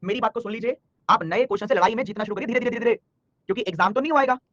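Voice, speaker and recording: A man teaches a live online class at a rapid clip, his voice sitting high and bright. He teases and scolds students by name between problems. The sound is dry and a little dull, with no room around it. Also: dry recording. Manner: fast, scolding-jokey teacher talk, addresses students by name. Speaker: online exam-prep teacher.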